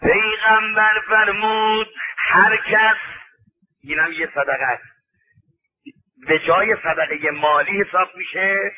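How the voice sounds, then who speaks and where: A male preacher with a high voice delivers a sermon, drawing out religious quotations in a slow chant before turning to animated stories in which he acts out each side of the dialogue. The recording is dull and lo-fi, like an old broadcast. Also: breathy edge. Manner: drawn-out chanting of Arabic quotations; animated storyteller acting out dialogue. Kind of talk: sermon with anecdotes.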